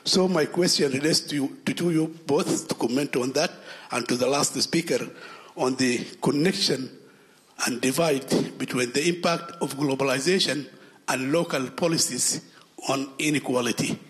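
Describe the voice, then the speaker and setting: A man's voice: medium pitch, fairly bright tone. A man, from Sudan, asking a long question in a conference hall, stumbling over repeated words. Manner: halting, many repeated words and restarts. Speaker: audience member asking a question.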